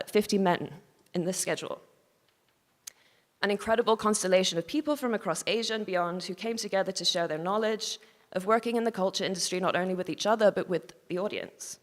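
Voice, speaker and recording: Female lecturer, measured formal delivery, conference hall reverb. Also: mid-range voice. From Hong Kong. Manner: measured, formal reading with occasional restarts and apologies. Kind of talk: reading a prepared conference lecture.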